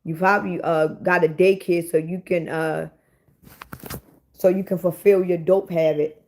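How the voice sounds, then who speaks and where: With a lowish voice, darkish tone, and fairly even intonation, this woman speaks at a measured pace. She's a livestream host in her forties, bluntly and profanely responding to commenters as she chats casually with viewers.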